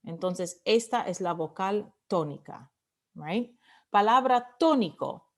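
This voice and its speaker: Switching back and forth between English and Spanish, a female lecturer teaches Spanish grammar with a medium pitch and lively intonation. She says words slowly and repeatedly to model their stress.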